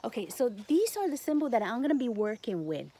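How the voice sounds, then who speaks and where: Spanish accent lady walking you through a reiki thing, halting short phrases, bit of noise behind her. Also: on the high side, sing-song, dark tone. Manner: halting delivery in short phrases, non-native grammar. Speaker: Reiki healer and instructor. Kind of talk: guided spiritual instruction to camera. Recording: noticeable background noise.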